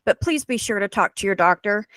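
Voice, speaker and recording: A woman's voice: medium pitch, lively intonation, a little fast, a bit bright, no room sound. A woman in her forties, a guest presenter telling her personal story in an earnest, heartfelt way over a video call.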